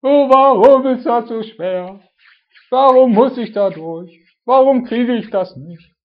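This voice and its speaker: A man putting on the voice of a whining believer who complains to God in drawn-out, plaintive questions. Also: extremely high pitch, narrow, tinny audio, pitched above the performer's own voice.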